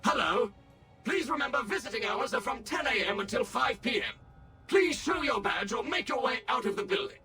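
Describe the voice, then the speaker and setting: A man's voice: extremely high pitch, big pitch swings, moderate pace, long pauses, bright, forceful tone, husky, exaggerated voice. A man voicing a servile male robot servant with a robotic filter, speaking with formal, overly polite android courtesy. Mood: servile politeness. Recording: game audio with faint music.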